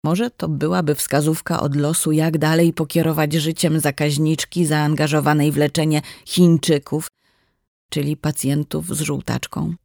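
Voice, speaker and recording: Measured storyteller, fry in the voice, reading a novel. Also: medium pitch, level tone, a little mellow, dry recording, clean studio sound. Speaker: narrator. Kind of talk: scripted audiobook narration.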